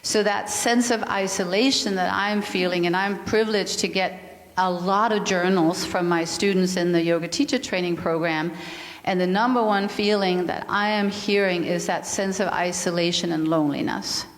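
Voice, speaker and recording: A middle-aged Danish woman, a yoga and mindfulness teacher, speaks calmly and earnestly at normal speed in a slightly low voice with a Danish accent. Her reflective spiritual talk sometimes repeats a word while she looks for the next. The meeting hall adds a long reverb.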